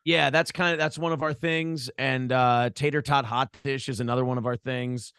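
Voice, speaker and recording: Here the Minnesota-born podcast and morning show host is the guest, spinning loose, foul-mouthed stories in a relaxed interview. He speaks at normal speed in a clear, resonant, mid-range voice that's a bit bright, with fairly even intonation. The studio recording is clean and dry.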